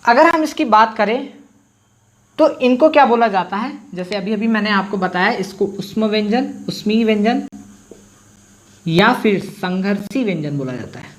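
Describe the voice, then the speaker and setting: A man with a fairly high voice teaches an exam-prep grammar lesson online. He poses questions and answers them himself. He repeats each sound slowly for viewers to try. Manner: addresses viewers directly with frequent "theek hai".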